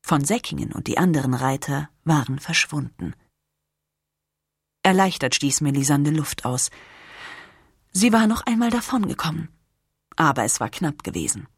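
A woman narrating a historical novel as an audiobook, expressive and dropping to whispers in tense moments. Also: deep voice, normal speed, vocal fry, long pauses, breathy edge, no room sound, studio quality.

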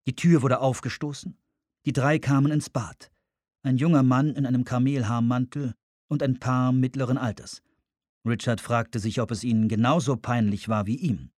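A man narrating an audiobook in a wry, measured storytelling manner on a close microphone. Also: medium pitch, fairly even intonation, darkish tone, dry recording. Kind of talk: scripted narration.

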